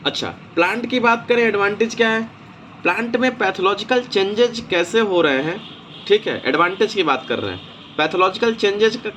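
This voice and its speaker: A male homeopathy teacher giving a recorded lecture, explaining slowly and checking in with "okay" after each point. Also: high voice, fairly bright tone, a little hiss or hum. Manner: explanatory, repeats points with frequent "ठीक है".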